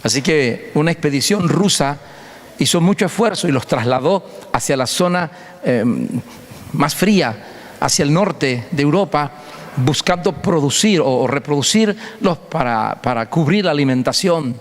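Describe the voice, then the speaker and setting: A male pastor preaches with an emphatic, storytelling delivery, hammering home his points through repetition. His voice sits fairly high for a man. The sound rings out with a long reverb, as in a church hall. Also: animated, moderate pace. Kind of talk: sermon.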